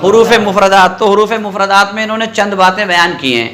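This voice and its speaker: A man's voice: high-pitched, a bit bright. A man teaching Quran reading. He asks his class questions, answers them himself, and draws out the letter sounds in a sung way.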